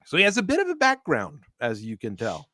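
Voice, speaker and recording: A man's voice: a little high, wildly swooping pitch, bright, forceful tone, no room sound, clean studio sound. Rambling man hosting a casual chat. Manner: rambling, halting, laughs often. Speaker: host.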